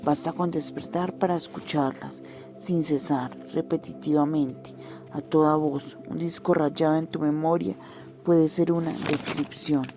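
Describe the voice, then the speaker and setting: A woman's voice: low-pitched, fairly even intonation, unhurried, music in the background. A woman giving a reflective, prepared testimony. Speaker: interview participant, sociology graduate. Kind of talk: reflective testimony, partly read from a script.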